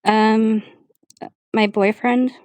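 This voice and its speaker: A woman talking casually as the client in a one-to-one reading, in a hesitant, halting way. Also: on the high side, little pitch movement, darkish tone, no echo. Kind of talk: casual conversation.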